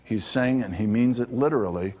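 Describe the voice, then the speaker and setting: This lecturer's voice is mid-range and warm, a little quick. Speaking casually to an audience in a hall about ancient Egyptian spirituality, he punctuates his points with "okay?".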